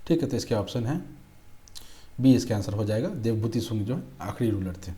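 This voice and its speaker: A man's voice: on the low side, lively intonation, brisk, mellow. A young man teaching exam-prep history, patiently reading out quiz options and answers. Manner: patient, repeats "ठीक है", reads options aloud. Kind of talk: explaining quiz questions.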